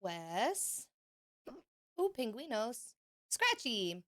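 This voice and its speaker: A young woman gaming streamer chats casually on a livestream, rambling, swearing and hiccuping as she goes. Her slightly high, rather bright voice has a sing-song quality and moves very slowly.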